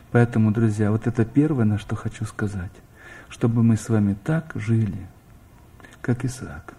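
Speaking straight to his congregation, a middle-aged man preaches with questions and rising emphasis. His voice is medium in pitch, dark, and slightly rough.

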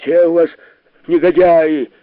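A man doing shrill insolent Sharikov. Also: little pitch movement, takes it slowly, dry recording. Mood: indignant. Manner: shrill, squealing, indignant. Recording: narrow tinny radio-like sound.

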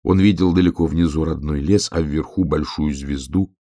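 A man reading a children's story aloud in an expressive, measured way. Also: a bass voice.

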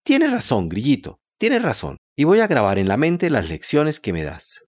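A man's voice: wildly swooping pitch, moderate pace, lo-fi sound. A man voicing an eager wooden puppet boy who pleads and gets tearful, in a storybook reading. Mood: emotional. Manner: high, bright and pleading.

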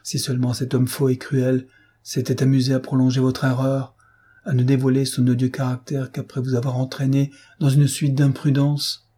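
A composed elder sister who reasons gently and consoles, her voice soft-edged and husky, voiced by a male audiobook reader. The words come out measured and patient. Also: mid-range voice, monotone, close to an everyday voice. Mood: consoling.

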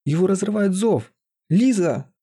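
A man's voice: on the high side, lively intonation, normal speed, dark tone, husky, pitched above the performer's own voice. A man voicing an earnest young male sorcerer and warrior, who speaks in an urgent, pleading way in an audiobook, his voice raised somewhat above his own.

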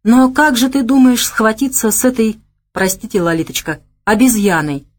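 A woman's voice: on the high side, moderate pace, pitched above the performer's own voice, natural voice. A woman voicing a hearty, effusive middle-aged male general. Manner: warm, effusive.

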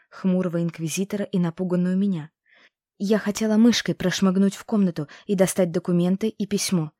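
A woman reads a first-person novel aloud in a soft, emotional voice that often drops to a hush. Her tone is mellow and fairly low, recorded close and dry. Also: no room sound. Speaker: audiobook narrator. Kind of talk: first-person audiobook narration.

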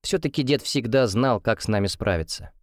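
A young man reading a first-person story aloud in a storytelling manner. His voice sits at an average pitch. The recording is dry and close, with no room sound. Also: expressive, brisk, dry recording. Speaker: audiobook narrator. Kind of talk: first-person audiobook narration.

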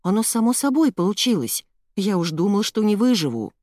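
A woman's voice: medium pitch, big pitch swings, brisk, darkish tone, dry recording, clean studio sound, voice pushed up, lightly acted. A woman reading an audiobook, voicing a young boy who talks in a sheepish mumble.

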